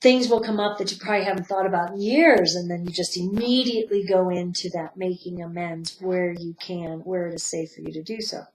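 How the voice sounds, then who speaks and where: A woman giving a spiritual teaching talk, guiding her listeners softly, her voice swelling and then dropping to a hush. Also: on the low side, fairly even intonation, a little fast, few pauses, a little hiss or hum. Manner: soft-spoken guidance that swells and drops to a hush. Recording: roomy echo.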